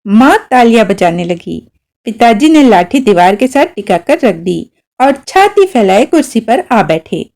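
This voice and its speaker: A woman reading a short story aloud as narrator, with expressive storytelling. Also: fairly high pitch, measured pace, gravelly.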